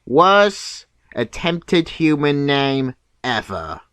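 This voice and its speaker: A man giving scripted, nitpicking video commentary in a deadpan, sarcastic manner. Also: fairly high pitch, extremely slow, no room sound, studio quality. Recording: clear background noise.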